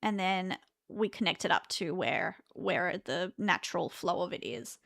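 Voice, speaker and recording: A woman's voice: on the low side, animated, measured pace, gravelly, a bit bright. A woman in her thirties with an Australian accent, chatting casually with her stream chat, laughing often and restarting her sentences. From Victoria, Australia.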